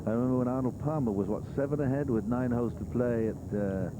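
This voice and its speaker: A man giving live golf commentary in a conversational, reflective way with unhurried asides. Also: medium pitch. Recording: clear outdoor background noise. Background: outdoor golf course ambience.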